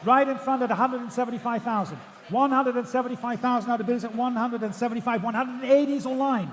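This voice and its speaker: A man working as an auctioneer, calling bids in rhythmic, repetitive number patter, projecting loudly to a room. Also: very high-pitched, fast. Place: large auction room with bidders. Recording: echoey auction hall, faint background noise.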